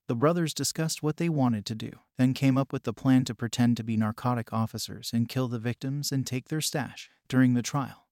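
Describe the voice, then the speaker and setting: A man reads scripted true crime narration in a measured, matter-of-fact way. His voice sits at a middling pitch. The sound is dry, with no room around it. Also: darkish tone, no echo.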